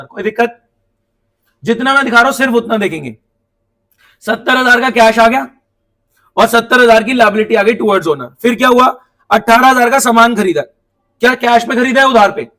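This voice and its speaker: A man teaching an accounts class, lively and talking straight to his students, acting out little dialogues. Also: extremely high pitch, vocal fry. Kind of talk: classroom coaching lecture. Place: coaching classroom.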